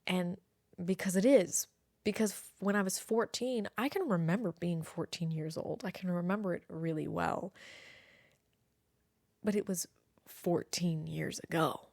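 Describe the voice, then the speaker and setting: A woman in her late twenties hosts a casual solo podcast from home near an airport, speaking a little slowly in a lowish, darkish voice with vocal fry. The studio-quality recording has no echo, and her reflective chat repeats phrases for emphasis.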